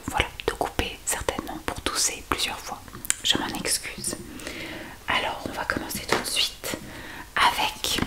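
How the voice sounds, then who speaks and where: A woman whispers an ASMR product review very close, right in the listener's ear. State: ill with a cough. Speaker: beauty product review video creator.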